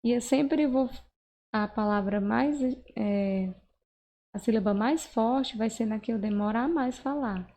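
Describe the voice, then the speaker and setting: Walking through a grammar point one step at a time, a woman who teaches Portuguese keeps checking in with her listener using tag questions, ever patient. She speaks at a measured pace in a mellow voice on the high side.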